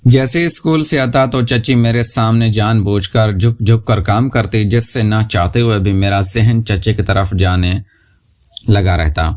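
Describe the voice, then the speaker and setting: A man narrating a scripted first-person story in a steady, unhurried reading voice. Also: on the low side.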